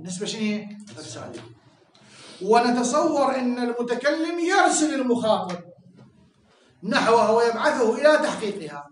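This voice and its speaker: Iraqi male teacher, high voice, explains patiently and checks for understanding, recorded from a distance. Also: roomy sound, a little hiss or hum. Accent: Iraqi Arabic. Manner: explains step by step, keeps checking "clear?" and jokes with students. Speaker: seminary teacher. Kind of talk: classroom lecture.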